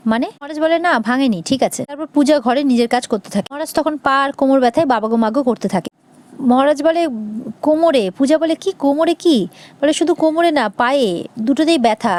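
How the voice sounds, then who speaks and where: A woman quickly narrating an episode recap of a TV serial, reading out every character's lines in turn. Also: sits high, darkish tone.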